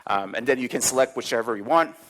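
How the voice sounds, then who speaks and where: A man presents a live tech talk, walking the audience through browser demos. He speaks casually in a middle-pitched voice, with plenty of ums and small chuckles between points. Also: fast, fairly bright tone. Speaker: conference speaker. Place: conference hall with audience.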